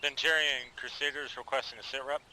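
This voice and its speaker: A man's voice: medium pitch, steady tone, a little fast, noisy background. A man relaying clipped, formal call-sign messages over a walkie-talkie radio. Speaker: player on team radio. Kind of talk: military radio procedure.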